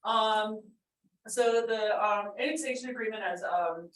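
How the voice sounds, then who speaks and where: A woman on a town's planning staff, presenting an application at a public meeting in a measured way with frequent ums. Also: on the high side, slight background noise. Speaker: town planning staff member. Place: town meeting room. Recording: roomy, distant from the mic.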